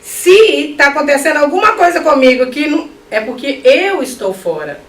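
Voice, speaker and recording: A middle-aged woman giving a spiritist lecture, animated, with joking asides to her audience. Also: high voice, normal speed. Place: lecture hall. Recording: echoey hall, mic at a distance.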